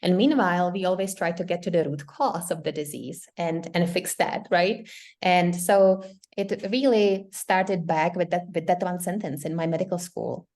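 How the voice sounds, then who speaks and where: A middle-aged Czech woman, a doctor appearing as a guest, earnestly explains her practice in an interview conversation. She speaks with a Czech accent in a lowish, slightly mellow voice at a moderate pace.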